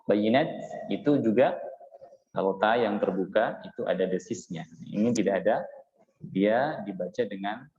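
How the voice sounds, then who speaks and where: An Indonesian Islamic teacher, his voice fairly low and a little mellow, teaches Quran recitation in a mosque hall. He patiently explains each rule, slowly chants example words, and keeps checking in with a short "ya". The hall is echoey and the sound dull and lo-fi.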